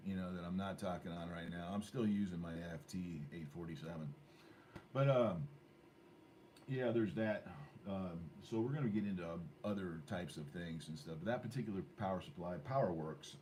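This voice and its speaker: A man's voice: low-pitched, moderate pace, darkish tone. A man hosting an amateur radio club net in a casual, rambling, jokey way. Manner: jokey, with mock sponsor plugs. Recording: noisy ham radio room recording.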